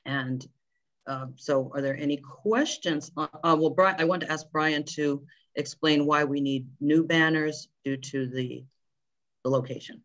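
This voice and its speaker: A woman reading out a committee report at a neighborhood board meeting, halting often with fillers. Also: sits low, fairly even intonation, lo-fi sound.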